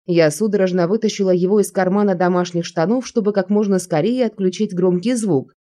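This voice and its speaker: A woman reads a first-person novel aloud as an audiobook narrator. Her voice is warm and mellow, sitting at a middling pitch. She narrates expressively. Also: brisk.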